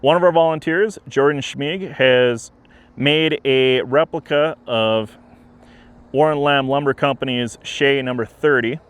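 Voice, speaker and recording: A man speaking in an earnest, measured, plain-spoken way, giving an informal update to camera as a museum director outdoors. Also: medium pitch, clear, resonant tone. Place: outdoors beside a trail, with traffic and wind. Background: traffic and wind.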